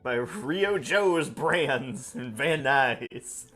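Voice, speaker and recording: A man's voice: medium pitch, animated, extremely slow, a bit bright. Chill guy helping in the kitchen, dry little comments, voice bounces up and down, faint music. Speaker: sous chef and co-host. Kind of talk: casual cooking stream banter. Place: home kitchen.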